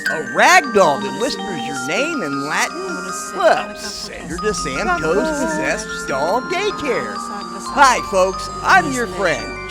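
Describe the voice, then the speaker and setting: Slick commercial huckster acted by a man, cheery and pitched up, for a spoof radio ad. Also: exaggerated voice.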